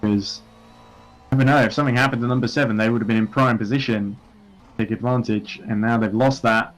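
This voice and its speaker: A man's voice: medium pitch, steady tone, fairly quick. Analytical male sim racing commentator. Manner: analytical, talks through gaps and strategy with frequent fillers. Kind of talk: live race commentary.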